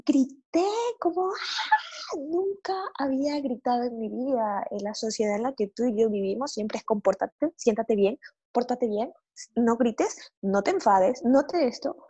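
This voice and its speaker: Husky woman telling a lively story. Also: on the high side, measured pace, muffled recording. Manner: animated storytelling with sudden cries and laughs. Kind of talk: casual conversation.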